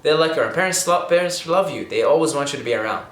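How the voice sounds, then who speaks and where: A fast-talking young Syrian vlogger with a fairly high, bright, animated voice rattles off money tips to camera. Casual and earnest, he wanders, restarts often, and keeps adding "okay?". His room is echoey.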